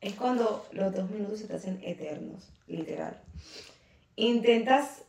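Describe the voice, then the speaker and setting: A woman's voice: mid-range voice, moderate pace, vocal fry, a little mellow, recorded from a distance, slight background noise. A woman co-hosting a casual podcast, reading facts aloud and commenting on them. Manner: chatty, reads facts aloud then comments. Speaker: podcast co-host. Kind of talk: casual chat. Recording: roomy echo, set back from the mic.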